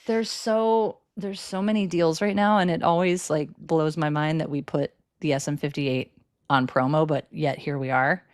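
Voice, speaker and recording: A woman talks through microphone deals on a live shopping stream, upbeat and quick to laugh. Her voice sits slightly low. The sound is dry and close, with no room in it. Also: steady tone, no echo. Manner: upbeat, salesy, laughs often. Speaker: co-host demoing microphones. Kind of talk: live selling stream chat.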